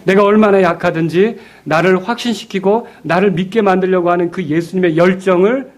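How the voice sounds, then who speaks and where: A male pastor preaching a sermon. He keeps asking the congregation questions and swings between loud, emphatic lines and hushed ones. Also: sits high, brisk. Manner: peppers the congregation with rhetorical questions.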